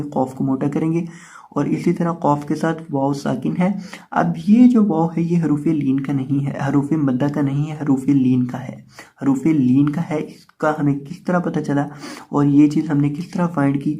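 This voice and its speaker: A male teacher with an Urdu accent, his voice sitting a little high for a man. He explains pronunciation rules in a patient, steady way. He repeats each syllable slowly and with more force when he recites it. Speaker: Quran reading teacher. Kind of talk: step-by-step recitation lesson.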